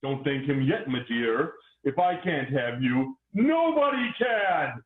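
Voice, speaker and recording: An actor playing a vicious, wordy, mustache-twirling villain in a hammy stage melodrama. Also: male voice, on the high side, big pitch swings, slow, very noisy. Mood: thwarted, vengeful. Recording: echoey, tinny phone-like online call.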